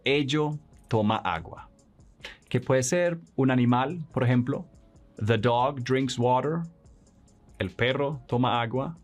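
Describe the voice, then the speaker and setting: A man teaching a language lesson, patiently modeling each example sentence and switching between English examples and Spanish explanations in an encouraging tone. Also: medium pitch.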